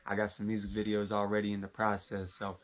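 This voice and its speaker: Speaking quickly in a low, flat voice, a young Orlando, Florida rapper chats about his own life. He keeps it loose and rambling, relaxed and heavy on street slang.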